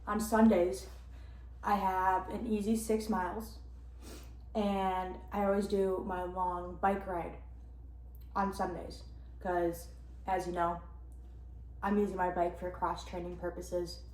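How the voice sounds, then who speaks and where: A woman's voice: fairly low pitch, flat delivery, slow, long pauses, a little mellow, echoey room, low-quality recording. A young woman from the Upper Midwest chatting casually in a vlog, rambling and upbeat, chewing gum as she talks. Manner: chewing gum while talking. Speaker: running vlogger.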